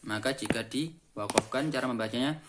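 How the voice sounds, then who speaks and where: A man with an Indonesian accent, teaching the rules of Quran reading and slowly chanting each example. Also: mid-range voice, background noise. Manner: explains in short phrases and slowly chants the examples.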